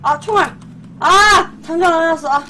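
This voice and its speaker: A woman's voice: very high-pitched, moderate pace. A woman doing live gameplay commentary as a panicking gamer, shrieking and swearing in reaction to the game. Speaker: gamer streamer. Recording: clear background noise.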